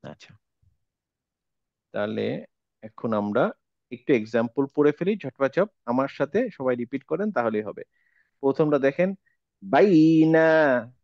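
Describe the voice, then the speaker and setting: A man teaching an online Quran recitation class, drawing out syllables slowly for students to repeat. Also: mid-range voice, animated, vocal fry, darkish tone, no echo, lo-fi sound.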